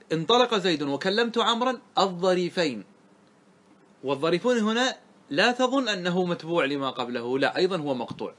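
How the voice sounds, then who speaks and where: A man teaching grammar as a sheikh. He recites lines of verse slowly and keeps checking that his students follow. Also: a little high, a bit bright. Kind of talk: classroom lesson explaining a grammar poem.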